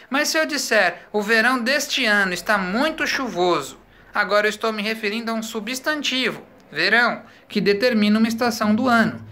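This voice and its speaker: Bright-voiced teacher explaining slowly. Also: male voice, sits high. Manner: slow, explanatory, spells words out letter by letter. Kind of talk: recorded school lesson.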